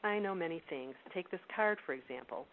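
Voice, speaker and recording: A woman's voice: lowish voice, expressive, a little fast, lightly acted. A woman voicing an elderly male Welsh wizard in a storybook reading, knowing and confiding, over a tinny phone line with hiss.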